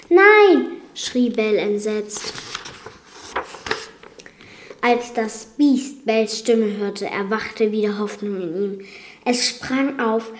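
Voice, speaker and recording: A woman reading a fairy tale aloud in a calm, measured way as podcast host. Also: medium pitch. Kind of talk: slow fairy-tale narration.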